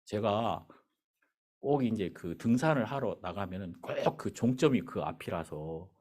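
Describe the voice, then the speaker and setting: Lively storytelling male pastor. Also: fairly low pitch, measured pace. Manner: animated storyteller acting out dialogue. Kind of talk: sermon with storytelling. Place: church sanctuary.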